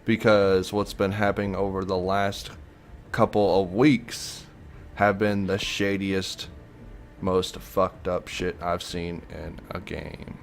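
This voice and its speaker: A man's voice: sits low, fairly even intonation, takes it slowly, vocal fry. A man giving a casual commentary vlog about a video game, blunt and ranting, swearing freely, with many fillers and restarts.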